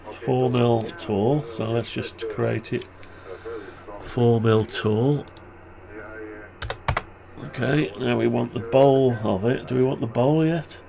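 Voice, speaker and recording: A man's voice: medium pitch, fairly even intonation, slow pace, creaky, pauses often. A man with a muffled, blocked-nose voice, tired and stuffed up with flu, rambling as he thinks aloud through a casual hobby tutorial. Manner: rambling, muttering to himself. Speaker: hobbyist presenter.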